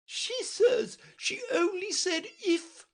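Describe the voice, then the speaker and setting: A woman voicing a stern, bossy queen who scolds sharply and loudly. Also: very high-pitched, takes it slowly, pitched above the performer's own voice, exaggerated voice. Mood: imperious scolding.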